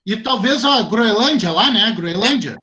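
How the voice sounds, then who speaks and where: A man with a Rio Grande do Sul accent teaching a class, lively and chatty, speaking straight to his students. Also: sits high, a little slow. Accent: southern Brazilian, Rio Grande do Sul. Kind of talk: online class talk to students.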